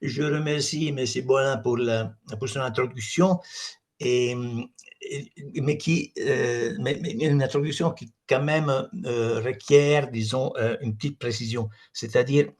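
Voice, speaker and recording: A man with an Italian accent, a native Italian speaker, giving an academic talk in halting French, repeating words as he searches for them. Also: mid-range voice, steady tone, darkish tone. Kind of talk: semi-improvised academic talk.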